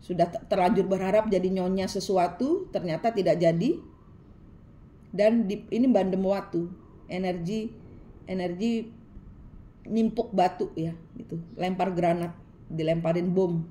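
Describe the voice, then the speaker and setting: A woman's voice: on the low side, measured pace, pauses often, mellow, slight background noise. A woman tarot reader, giving a preachy, scolding reading full of repetition.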